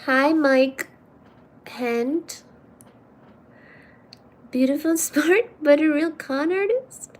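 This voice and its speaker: A woman hosting a livestream draws out her words in a high voice, pausing at length as she reads viewer comments. Her chat is casual, playful and teasing, and she calls viewers darling.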